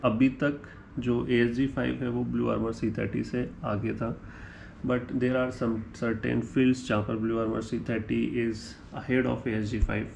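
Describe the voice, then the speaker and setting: An Indian-accented man who reviews motorcycle gear gives an unscripted comparison, explaining as he goes, mixing Hindi and English, and checking in by ending points with "right?". His mid-range voice is gravelly and a little mellow, on dull audio from an echoey room with faint background noise.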